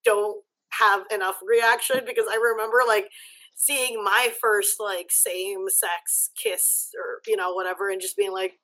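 A woman guest co-host talks slowly, weighing her points with careful hedges. Her pitch is mid-range and her pace is relaxed. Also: rough recording. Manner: unhurried, thoughtful, hedging. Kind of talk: casual chat.

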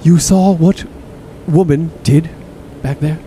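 A man's voice: fairly even intonation, takes it slowly, mellow. A male actor playing a bossy, foul-mouthed gang leader who is sarcastic, florid and theatrically wheedling. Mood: coaxing, bossy. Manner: sarcastic, florid, swearing emphatically. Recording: faint background rumble.

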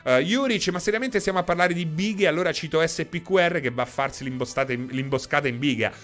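A man's voice: on the high side, quick pace, a bit bright. A man chatting casually on a live stream, reading out viewers' names, laughing often.

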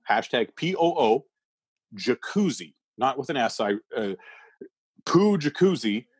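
Husky-voiced male comic from Canada, animated storyteller, dry close sound. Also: mid-range voice, dry recording. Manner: animated, laughs through his own story. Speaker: comedian guest. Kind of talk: casual storytelling.

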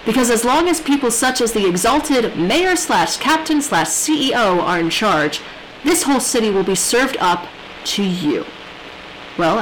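A woman's voice: on the high side, a little hiss or hum, natural voice, rough recording. A woman playing a defiant rebel leader who broadcasts threats in a grand, coolly menacing manner. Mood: scornful. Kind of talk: audio drama acting.

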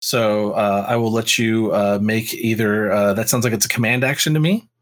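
A man acting as game master in a tabletop role-playing session, talking in a relaxed way with many fillers. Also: fairly low pitch, normal speed.

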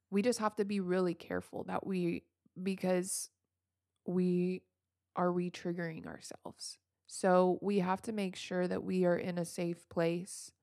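A woman's voice: fairly low pitch, warm tone, dry recording, studio quality. A woman hosting a podcast, talking casually and earnestly about handling heavy feelings, reassuring and rambling with restarts. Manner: loose, rambling phrasing with many restarts. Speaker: podcast host. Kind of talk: casual self-help talk.

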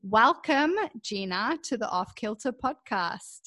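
Woman, podcast host, upbeat, laughing, unhurried, dry sound. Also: a little high, expressive, pushed and bright, dry recording. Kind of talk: podcast intro and interview. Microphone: remote call from her apartment.

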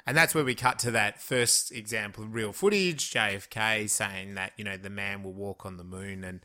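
A man's voice: on the low side, normal speed, sharp tone. A man with an Australian accent co-hosting a casual film discussion, chatty, laughing often and trailing off mid-sentence. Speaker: podcast co-host.

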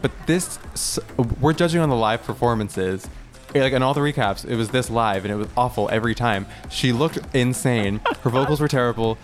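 A man's voice: mid-range voice, brisk, faint music behind. A man co-hosting a casual chat, ranting bluntly and profanely with strong opinions. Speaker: podcast co-host.

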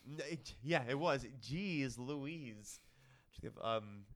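A man co-hosting a podcast in casual pun banter, excitable and laughing, with sudden jumps up in pitch. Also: very slow. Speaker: podcast co-host. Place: dining room.

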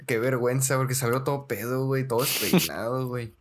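Young man, podcast co-host, slangy, animated storytelling. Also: medium pitch, brisk. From Mexico. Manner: slangy, says "güey" constantly, animated storyteller. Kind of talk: casual storytelling chat.

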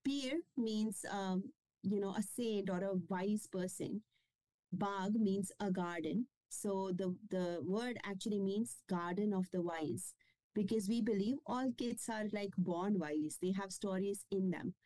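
A woman's voice: mid-range voice, unhurried, warm tone, no room sound, poor audio. A woman being interviewed about her children's books, talking casually with lots of fillers and restarts. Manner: chatty, many fillers and restarts. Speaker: children's book publisher and author.

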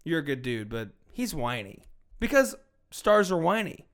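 Male podcast co-host, casual sports chat, lively swooping delivery, somewhat high, profane. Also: normal speed. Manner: animated, profane, swings loud and quiet.

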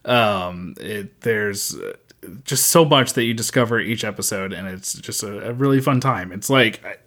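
A man's voice: lowish voice, normal speed, fairly bright tone. Rambling man on a podcast. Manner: rambling, many fillers and restarts. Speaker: podcast co-host. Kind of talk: casual chat.

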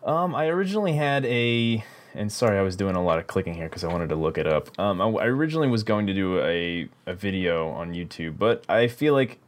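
A man's voice: lowish voice, a little fast, few pauses. A young man co-hosting a podcast, casually telling stories with frequent laughs. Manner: laughing, animated storytelling. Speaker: podcast co-host. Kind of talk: casual chat.

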